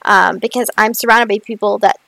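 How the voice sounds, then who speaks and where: A woman co-hosting a podcast, talking casually and excitedly with lots of fillers and big swings in pitch. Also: brisk, gravelly, no echo, low-quality recording. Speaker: podcast co-host. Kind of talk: casual chat. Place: rural area, far from a city.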